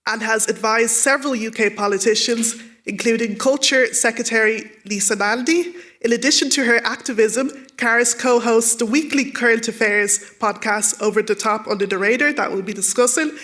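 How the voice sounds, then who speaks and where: On a live event stage, a young adult woman who works as an event moderator and broadcaster hosts a book-festival talk. She introduces the guests in an upbeat, polished manner, and her voice is on the high side and a bit bright.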